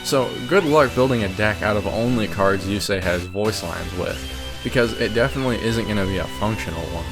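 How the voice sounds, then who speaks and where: A man with a voice on the low side talks fairly quickly, delivering scripted, opinionated ranking commentary with a wry edge as a video creator. Game music plays behind him.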